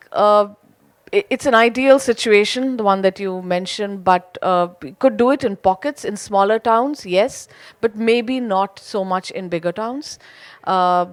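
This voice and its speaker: A woman's voice: mid-range voice, no echo. A well-spoken woman with a polished Indian accent, answering as a school counselor on a panel. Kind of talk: panel discussion answer, unscripted.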